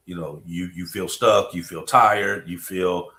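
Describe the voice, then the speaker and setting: Deep-voiced middle-aged man hosting a podcast. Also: fairly even intonation, measured pace, pushed and bright. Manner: reflective, repeats himself, frequent "you know what I mean". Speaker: podcast host. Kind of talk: podcast conversation.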